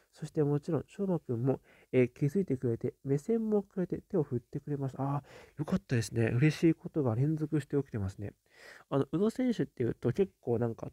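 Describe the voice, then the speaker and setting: A man hosting a casual live stream, reading viewer comments aloud and musing on them with soft little fillers. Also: mid-range voice, no room sound.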